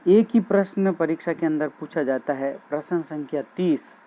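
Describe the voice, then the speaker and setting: A man's voice: a little high, dark tone. A male maths teacher giving a classroom lesson, talking straight to his students and explaining each step. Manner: addresses students directly, slow and explanatory. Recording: dull lo-fi sound with faint background noise.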